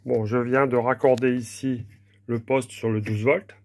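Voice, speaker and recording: A hobbyist demonstrates old equipment hands-on, explaining plainly and a bit hesitantly without a script. His medium-pitched voice is flat and unhurried.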